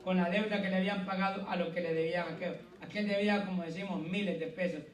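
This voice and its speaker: Male preacher, high voice, fervent, rhetorical, loud peaks and hushed lows, recorded from a distance in an echoey church. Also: fairly even intonation, quick pace. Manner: fervent preaching, rhetorical questions, calls listeners "hermano"; swings from loud emphatic peaks to hushed low passages. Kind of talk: sermon. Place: church hall with congregation.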